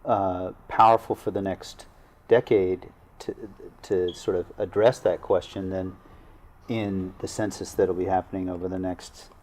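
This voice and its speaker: Mellow, low-voiced man official. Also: flat delivery. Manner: earnest, halting, with frequent restarts. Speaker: local government official. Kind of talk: studio panel conversation. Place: small TV studio.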